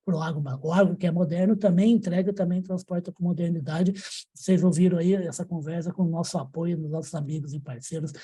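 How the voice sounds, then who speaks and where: A man hosts an interview show in an emphatic, folksy voice. His voice is high for a man and husky, with a dark, mellow tone. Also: fairly even intonation, a little fast. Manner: emphatic, folksy, uses football idioms. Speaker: podcast host. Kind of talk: conversational interview hosting.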